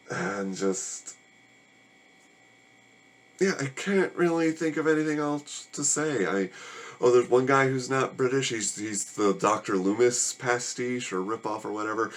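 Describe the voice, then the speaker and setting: A man's voice: medium pitch, a bit bright. A man casually reviewing a movie, rambling in a weary, sarcastic and annoyed way.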